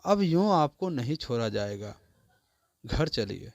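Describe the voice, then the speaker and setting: A man voicing a young female courtesan in a told story, speaking her lines in a soft, lowered voice. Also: very animated, slow pace, vocal fry, no echo, dull audio, full character voice. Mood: coaxing. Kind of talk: storybook reading.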